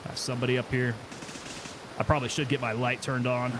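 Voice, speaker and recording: A man's voice: medium pitch, flat delivery, a little fast. Man, gaming streamer, casual commentary, thinking aloud, faint background noise. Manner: talks to himself and teammates, thinking aloud.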